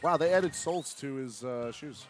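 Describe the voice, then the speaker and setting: A man's voice: medium pitch, animated, moderate pace. A man giving color commentary on a live esports match, with dry, knowledgeable remarks on game mechanics. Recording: music playing behind.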